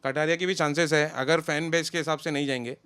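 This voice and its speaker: A young man talks casually as an interview guest, running one thought into the next. His voice is smooth and slightly high. It sounds close and dry, with no room around it. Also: fast talker, dry recording. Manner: relaxed, talks in loose run-on sentences. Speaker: interview guest, friend of a contestant.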